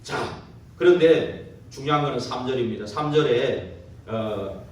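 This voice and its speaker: A man's voice: medium pitch, unhurried, darkish tone. A man preaching a sermon as a pastor, posing rhetorical questions and checking agreement with the congregation through tag questions. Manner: poses rhetorical questions to the listeners. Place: church sanctuary during a service. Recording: very echoey church hall from far off.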